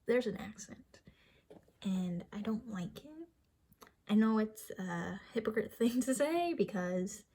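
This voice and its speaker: A young woman vlogger with a slight Vietnamese accent chats to the camera in a loose, wandering way, often starting her sentences over and laughing a little. Her middle-pitched voice is a touch breathy and husky with a dark tone, and she comes across as casual and self-deprecating.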